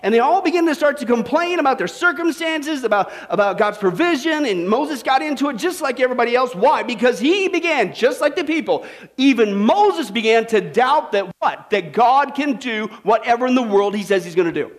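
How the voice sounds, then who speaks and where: High-pitched, animated preacher man. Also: a little fast. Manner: animated preaching with rhetorical questions and frequent "okay?". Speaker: pastor. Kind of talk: sermon.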